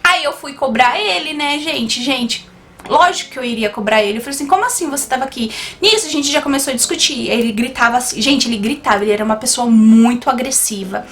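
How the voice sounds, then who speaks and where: A young woman telling a personal story to her viewers in an animated storytime vlog. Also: on the high side, fast, slight background noise. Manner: animated, keeps addressing viewers as "gente". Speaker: YouTuber.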